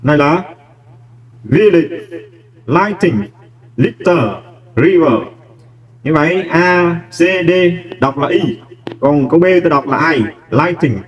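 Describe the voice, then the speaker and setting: A male teacher talks students patiently through an exam question by question, his voice sitting somewhat high. He sounds a little distant from the microphone. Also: takes it slowly, pauses often, highs cut off. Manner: explains step by step, addressing students warmly as "các em". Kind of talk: exam walkthrough lesson.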